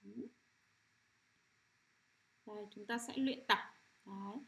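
Woman, middle-aged, teacher, phonics lesson, slow syllable drilling, repetitive check-ins, mid pitch. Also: steady tone, creaky, bright, forceful tone. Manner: repetitive, checks understanding with frequent "được chưa?"; drills sounds slowly, syllable by syllable.

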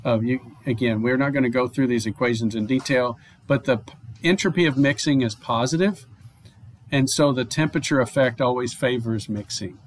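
A male chemistry professor giving a recorded online lecture, explaining at a steady pace with fillers, restarts and "okay?" checks. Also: mid-range voice, moderate pace, a little hiss or hum. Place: home or office, online lecture.

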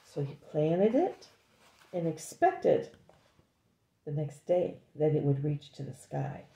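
An older woman reads a picture book aloud to a child, slow and unhurried. Her voice is dark and gravelly with a lively rise and fall. The sound echoes in a roomy space. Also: low voice. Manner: pauses often to comment and ask the child questions. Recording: echoey room.

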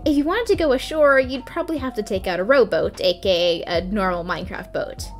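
A woman's voice: mid-range voice, brisk, soft background music. A woman hosting a gaming video, giving scripted tutorial narration with dry, playful asides. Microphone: voice-over.

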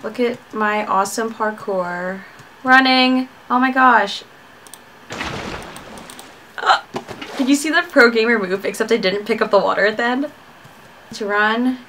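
A woman in her twenties giving casual, excitable gameplay commentary, talking herself through her moves. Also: mid-range voice, normal speed, rough recording. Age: 20s. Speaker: gamer and streamer. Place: bedroom, indoors. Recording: clear background noise with clicking.

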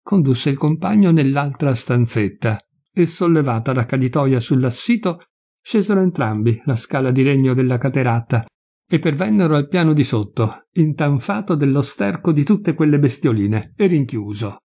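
Gravelly male audiobook reader. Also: mid-range voice. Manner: measured, expressive storytelling. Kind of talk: literary audiobook narration.

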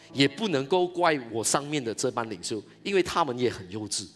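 A man, a pastor giving an animated, exclamatory sermon at a church conference. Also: medium pitch.

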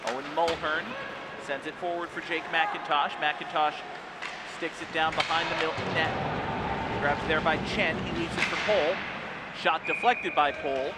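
A man's voice: on the high side, fairly even intonation, measured pace. A man doing live play-by-play of ice hockey in short, clipped phrases that follow the play. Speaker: play-by-play announcer. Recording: noisy ice rink broadcast. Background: loud rink ambience.

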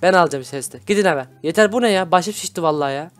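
A man hosting a Minecraft role-play, excitable, scolding and shouting at his characters between laughs. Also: on the high side, fast, no room sound, soft background music. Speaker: YouTube gaming host.

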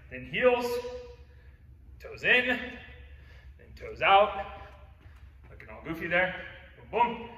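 Upbeat male fitness coach, winded from demoing moves, high bright voice, distant mic in an echoey hall. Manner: upbeat, cues moves with "boom". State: out of breath. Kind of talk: workout instruction demo. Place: gym.

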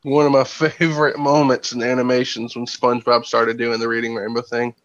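A man's voice: medium pitch, flat delivery, brisk, no echo. A man chatting casually and explaining things over a video call. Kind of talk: casual chat. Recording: dull lo-fi video-call audio.

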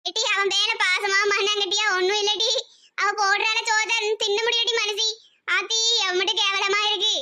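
A woman's voice: extremely high pitch, level tone, moderate pace, very noisy. A woman voicing a grumbling old village mother-in-law in a cartoon, with a southern Tamil accent and a complaining, scolding way of talking. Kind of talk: cartoon voice acting.

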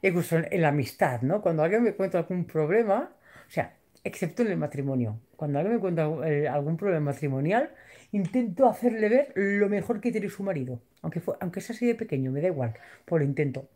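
Reading her live chat aloud, this vlogger speaks briskly in a dark, fairly low, expressive voice. The casual stream is emotional and over the top, with her tearfully laughing and playing everything up theatrically.

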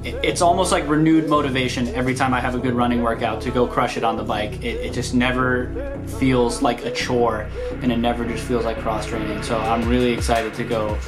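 A young man talking casually to camera at home, reflective and relaxed, with many restarts and fillers. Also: mid-range voice, fairly quick, over loud music. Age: young adult. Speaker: runner and vlogger. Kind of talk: casual vlog talk to camera. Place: small room at home, indoors. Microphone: camera close at arm's length.

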